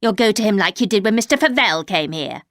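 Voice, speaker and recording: The reader takes on a slow, coldly threatening housekeeper, bitter and low, her words dragged out until they fall into a hard whisper, just below her natural register. The voice sounds natural, expressive and fairly bright, recorded close and dry.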